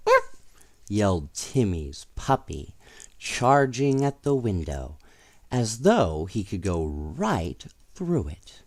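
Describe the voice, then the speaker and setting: A storyteller with a medium-pitched voice reads children's stories aloud expressively and playfully, tossing casual asides to young listeners. There's no echo.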